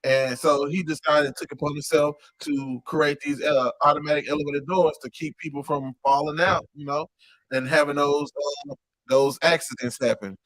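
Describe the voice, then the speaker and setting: A man from Louisiana, co-hosting a casual podcast and explaining things in a slow, laid-back way. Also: a little high, steady tone, fairly bright tone. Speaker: podcast co-host.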